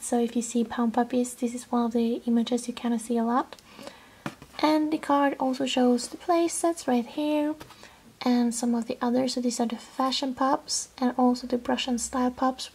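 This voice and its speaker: Chatty Swedish-accented woman vlogger, high and a bit husky, slips into near whispers. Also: a little mellow. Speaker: toy collector vlogger. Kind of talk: casual show-and-tell vlog.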